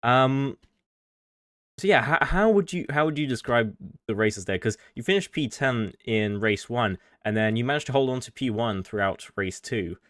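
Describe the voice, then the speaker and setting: A man co-hosting a race broadcast and interviewing drivers, hesitant with many pauses and restarts. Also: medium pitch, expressive, a bit bright, no room sound, clean studio sound. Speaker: co-host and interviewer.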